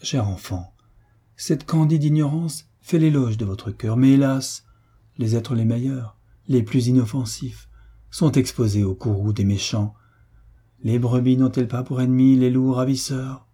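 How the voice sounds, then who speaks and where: Pious schemer, older woman, unctuous and sighing, voiced by a man with a dark, husky tone. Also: mid-range voice, moderate pace, natural voice. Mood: sanctimonious.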